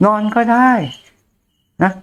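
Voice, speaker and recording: A man's voice: slow, fairly bright tone. An older man, a Buddhist monk, giving a blunt, earthy dharma talk to a follower, laughing often. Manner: blunt, crude familiar speech, frequent laughter.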